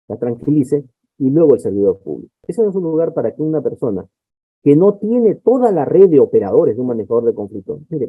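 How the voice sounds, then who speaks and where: A man giving a conference lecture on conflict management, explaining calmly and acting out example exchanges. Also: medium pitch, husky, no room sound. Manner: explanatory, acts out example dialogues. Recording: dry, phone-like narrow sound.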